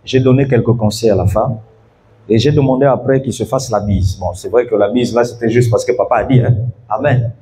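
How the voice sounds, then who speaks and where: A man's voice: medium pitch, steady tone, a little fast, dark tone, a little hiss or hum. A pastor preaching an evening sermon, telling a story and calling out to his congregation to follow him.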